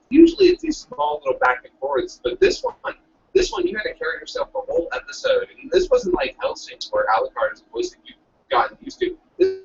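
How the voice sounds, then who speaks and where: In a very high-pitched, gravelly voice, a man who directs and edits rambles eagerly during a casual call, correcting himself as he goes. The call audio sounds distant and lo-fi, with a faint hiss.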